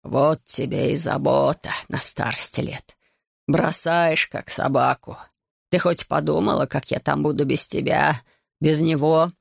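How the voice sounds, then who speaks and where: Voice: medium pitch, steady tone, creaky, dry recording, studio quality. A reader doing a tearful old village elder. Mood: pleading, lamenting. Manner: slow, pleading, whining.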